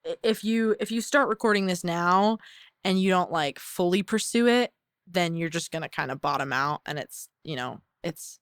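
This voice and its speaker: A twenty-two-year-old woman from the Bahamas, a singer-songwriter talking thoughtfully in an interview, with many fillers and pauses. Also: fairly low pitch, smooth, no room sound, studio quality. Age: 20s. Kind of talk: casual interview chat. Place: recording studio.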